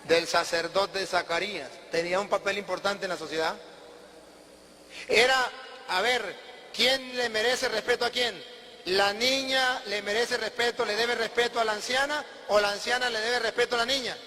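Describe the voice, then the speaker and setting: Emphatic high-voiced male preacher. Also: normal speed, sharp tone. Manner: emphatic, asks questions and answers them himself. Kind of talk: sermon. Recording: long hall reverb.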